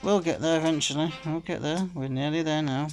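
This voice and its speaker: With game music playing behind him, a man rambles casually as he plays a slot game, leaning on "sort of" and "like I say" and sounding a bit phlegmy. His fairly high voice stays steady and moves a little fast.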